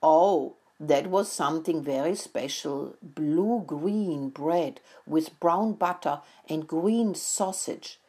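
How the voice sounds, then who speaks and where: A woman's voice: deep voice, slow pace, few pauses, dark tone, husky, exaggerated voice. A woman voicing a clueless, easily annoyed young male rat in a storybook reading, asking puzzled questions.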